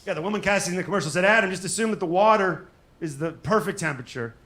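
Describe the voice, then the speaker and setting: Higher-voiced male stand-up comic, crowd laughter. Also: fast, fairly bright tone. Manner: self-deprecating, hesitant, conversational joke delivery. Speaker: stand-up comedian. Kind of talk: stand-up comedy set before a live audience. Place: live comedy venue on stage. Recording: live show with audience laughter and noise.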